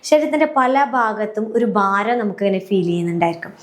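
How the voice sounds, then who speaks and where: A woman, a happiness coach, calmly guiding listeners step by step through a breathing and relaxation routine for sleep. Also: mid-range voice, fast. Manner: calm, step-by-step, often checking "clear?". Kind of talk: guided relaxation instruction.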